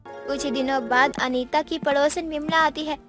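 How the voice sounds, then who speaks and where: A woman tells the story in even, scripted narration. Her voice is high-pitched, with a faint music bed running underneath. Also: normal speed.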